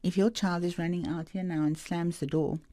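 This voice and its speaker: A woman's voice: lowish voice, fairly even intonation, normal speed, mellow, no echo. A woman speaking as an expert guest, explaining things in a radio interview.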